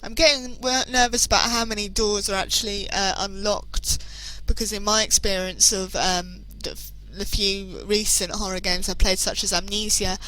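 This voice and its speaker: A woman's voice: mid-range voice, steady tone, moderate pace, hardly any pauses, sharp tone, rough recording. A British woman casually commentating a horror game playthrough, chatty and self-deprecating with frequent hesitations. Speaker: gameplay commentator.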